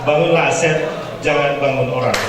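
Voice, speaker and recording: A man's voice: mid-range voice, fairly even intonation, moderate pace. A man giving a speech at a conference, addressing the audience plainly and directly. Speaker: speaker at a conference. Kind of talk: stage speech. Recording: echoey hall from far off. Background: crowd and loud noise.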